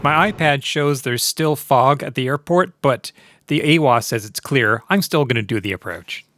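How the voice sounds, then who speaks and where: A man who is a private pilot, narrating his flight vlog in a relaxed, explanatory way. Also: medium pitch, moderate pace. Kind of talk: casual vlog voice-over narration.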